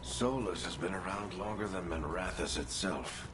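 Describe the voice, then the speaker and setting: An actor playing a wry, world-weary middle-aged adventurer in a video game, dry and sardonic. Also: male voice, low-pitched, normal speed, lightly acted. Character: wry, world-weary male adventurer past his prime. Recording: music behind the voice.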